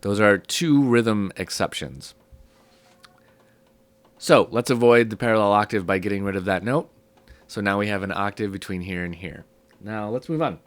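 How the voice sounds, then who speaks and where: A sick man with a low, hoarse voice teaches music theory in a casual spoken lesson, talking at normal speed with long pauses. He is relaxed and thinks aloud, using many ums.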